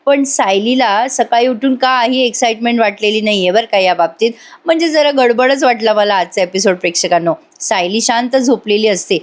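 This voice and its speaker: Woman, voice-over serial recap, chatty, fairly high voice, acts out the dialogue. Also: moderate pace. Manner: chatty, asides to the audience, acts out dialogue in a raised voice. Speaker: serial episode reviewer. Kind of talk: voice-over retelling of a TV serial episode.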